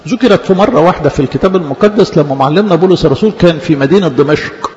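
High-voiced Egyptian priest preaching in a hall. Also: male voice, racing, lo-fi sound. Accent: Egyptian Arabic. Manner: animated preaching, stretching key words and laughing softly. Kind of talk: sermon.

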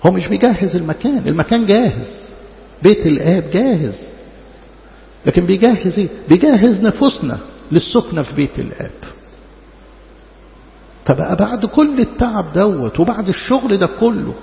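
A man's voice: sits high, sing-song, a little fast, gravelly, pauses often. Egyptian man preaching in an echoing hall. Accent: Egyptian Arabic. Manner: conversational teaching, repeats words for emphasis. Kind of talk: sermon in colloquial speech with rhetorical questions. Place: large reverberant hall. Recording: muffled, echoey hall with long reverb.

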